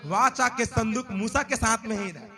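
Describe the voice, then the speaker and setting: A pastor preaching a sermon, dramatic, sometimes shouting warnings and calling out hallelujah. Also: male voice, extremely high pitch, normal speed, crowd noise.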